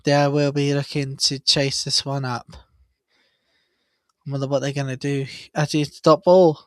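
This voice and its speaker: A man hosting a live cricket watchalong, chatty and excitable, jumping up in pitch at big moments. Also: normal speed, clean tone, dry recording. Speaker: watchalong host.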